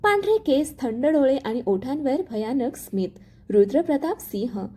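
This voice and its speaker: Female storyteller, dramatic expressive narration, mellow tone, high voice. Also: measured pace, breathy edge.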